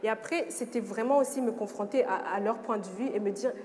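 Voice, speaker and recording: A woman's voice: a little high, brisk, a little mellow. A young woman from Rwanda speaking on a panel, earnest and mixing French with English. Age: young adult. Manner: earnest, switches between French and English, frequent restarts. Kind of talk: personal testimony on a panel. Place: event hall. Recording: long reverb of a hall, faint noise.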